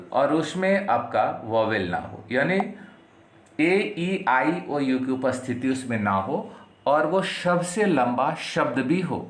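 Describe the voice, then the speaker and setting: A man from Bihar with an Indian accent, teaching an English lesson and explaining slowly, with lots of repetition and tag questions. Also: mid-range voice, a bit bright. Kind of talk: classroom lesson. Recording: echoey room.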